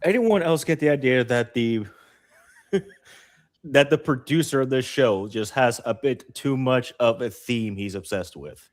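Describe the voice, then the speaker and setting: A man's voice: mid-range voice, a little slow. A man playing in a tabletop game, chatting in a laid-back, joking way. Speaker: player. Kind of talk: casual chat during a tabletop game.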